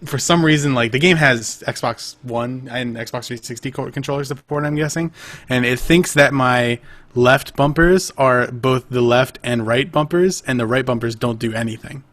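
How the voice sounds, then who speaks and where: On a remote call, a podcast co-host rambles through a casual conversation about games, full of fillers and restarts. His mid-range voice has a fairly bright tone and moves at a normal speed.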